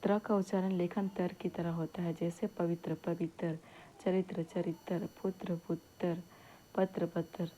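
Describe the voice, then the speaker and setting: Slow, soft-toned woman teaching grammar. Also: lowish voice, little pitch movement, a little hiss or hum, low-quality recording. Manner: slow, deliberate, repeats each example word. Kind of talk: exam-prep grammar lesson.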